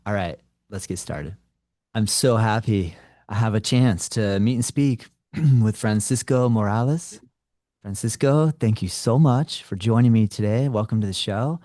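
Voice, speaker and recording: Low, mellow-voiced podcast host. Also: male voice, no room sound, studio quality. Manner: friendly, many fillers. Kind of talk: casual interview.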